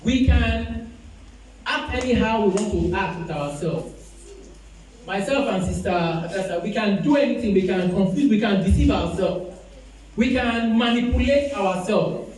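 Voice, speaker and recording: A man with a high voice preaches a slow, pleading sermon, repeating his points for emphasis. He sounds far from the mic in a very echoey church hall, with faint music underneath. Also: animated, darkish tone, slight background noise. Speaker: apostle preaching.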